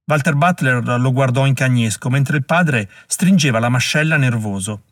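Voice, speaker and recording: A man narrating an audiobook in a measured way, slowing down at dramatic moments. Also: mid-range voice, a bit bright, no room sound, clean studio sound. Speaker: audiobook reader.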